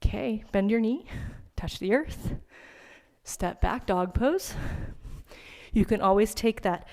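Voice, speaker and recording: A woman's voice: medium pitch, lively intonation, takes it slowly, a little mellow. A woman teaching a yoga class, giving casual, chatty cues and asides while breathing hard. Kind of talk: guided yoga class instruction.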